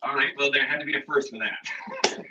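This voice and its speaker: A man giving casual remarks on a video call. His voice sounds hollow and muffled, as if he were talking in a cave, and he speaks haltingly with restarts and filler sounds. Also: medium pitch, noisy background. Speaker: meeting presenter.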